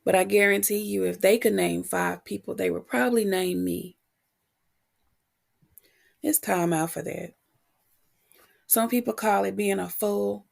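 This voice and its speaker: A female podcast host and motivational coach reflects openly in a solo episode, her mid-range voice husky and breaking occasionally as she recovers from a cold. Her pace is unhurried, with pauses separating short phrases.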